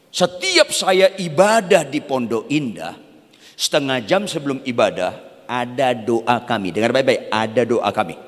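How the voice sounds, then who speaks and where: A man's voice: a little high, a bit bright, big-room sound. A man preaching a fiery sermon as a pastor, firing rhetorical questions at the congregation.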